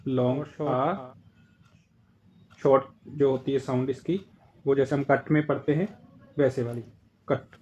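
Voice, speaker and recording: A man's voice: mid-range voice, steady tone, moderate pace, pauses often, a little mellow, muffled recording, slight background noise. A man with an Indian accent teaching a casual lesson, patiently explaining and repeating the example words. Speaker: German language teacher.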